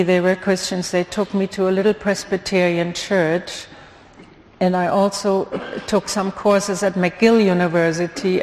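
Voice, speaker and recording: An older woman from Germany with a German accent, giving an earnest church testimony with many fillers and pauses. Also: fairly low pitch, creaky, a little mellow. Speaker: guest speaker giving testimony. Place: church sanctuary. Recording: long hall reverb.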